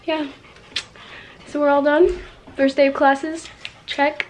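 A woman's voice: high-pitched, little pitch movement, slow pace, a little mellow, a little hiss or hum. A young woman chatting casually to camera in a vlog, giggly and talkative. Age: young adult. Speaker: vlogger.

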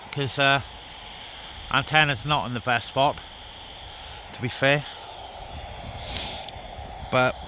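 Fairly bright and on the high side, a man's voice carries through this casual vlog as he chats to viewers and mutters asides while sorting gear. The outdoor CB radio vlogger is in a wet forest camp, and his outdoor camera picks up clear background noise.

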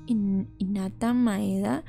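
A woman's voice: mid-range voice, steady tone, slow, creaky, mellow, soft background music. A woman giving chatty, emotional commentary while playing a life simulation game and talking to her viewers. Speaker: Sims let's-play creator. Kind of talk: casual gameplay commentary.

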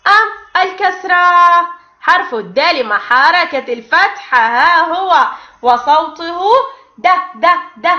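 A woman leads a lesson for small children, her voice high and bright. She stretches out each letter sound slowly and praises in a sing-song way. The recording is dull and echoey. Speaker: kindergarten teacher.

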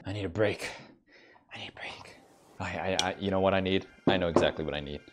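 A man's voice: sits low, steady tone, quick pace, slight background noise. A man streaming a fitness game at home, cursing and joking in casual commentary. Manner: profane, joking, exasperated. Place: home, second floor.

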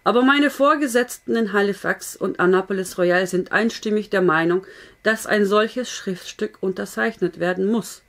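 A woman's voice: mid-range voice, moderate pace, close to an everyday voice. A woman voicing a stern male army captain who speaks firmly and keeps his tone neutral. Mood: earnest. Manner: firm and loud, careful to sound neutral.

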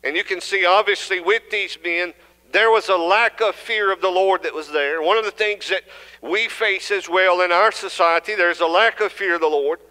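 The preacher, a young Southern man, has a high, sharp voice and keeps a moderate pace. He restarts phrases often while his earnest sermon builds, all echoing with church hall reverb.

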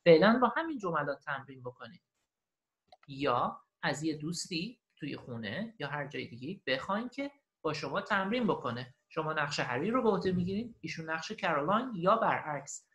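Lively male teacher explaining a lesson. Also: on the high side. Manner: repeats English phrases slowly after the audio, then explains at length. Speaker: English teacher. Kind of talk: recorded online language lesson.

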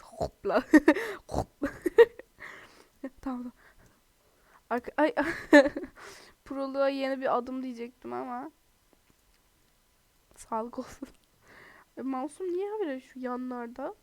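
Young woman, high-pitched, dry close sound, giggly gameplay chatter, sounds a bit sick. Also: no echo. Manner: chatty, giggly, talks to viewers. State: sick, under the weather. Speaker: gaming video host. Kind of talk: casual gameplay commentary.

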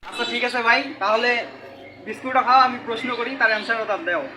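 A man working the camera who asks quiz questions in a plain, steady way during a comedy sketch. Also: very high voice, a little fast, background noise.

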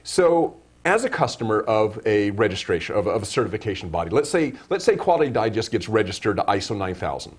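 A man's voice: on the low side, sing-song, fairly quick, few pauses, husky. A man hosting a live web broadcast interview, asking long, rambling questions full of restarts and self-corrections. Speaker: show host.

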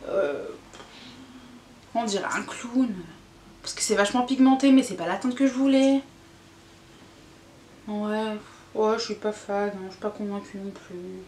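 A woman's voice: medium pitch, a little slow, pauses often, warm tone. A woman beauty vlogger giving a casual, candid makeup review, chatty and full of fillers and groaning exclamations. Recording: echoey room, faint noise.

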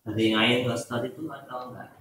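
A man in the audience asking quiet questions during a religious lesson. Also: medium pitch, fairly even intonation, fairly quick, slight background noise. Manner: asks quietly from the floor. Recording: faint, distant voice in echoey room.

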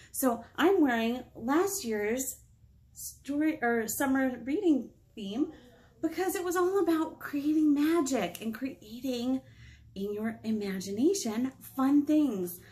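Her voice sits high yet has a darkish tone. She's an American children's librarian in her thirties hosting storytime, chatting simply with young listeners and asking them questions inside a small room with a painted wall.

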